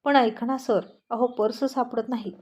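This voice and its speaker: Woman doing anxious young heroine, pleading, higher mellow voice. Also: steady tone, normal speed, dull audio, lightly acted. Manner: pleading, fearful.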